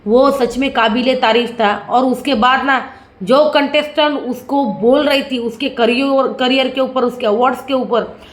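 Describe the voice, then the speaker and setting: A woman with a high, bright-pitched voice delivers opinionated commentary on a reality show. She sounds indignant and keeps asking rhetorical questions. Her voice bounces around an echoey room. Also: unhurried.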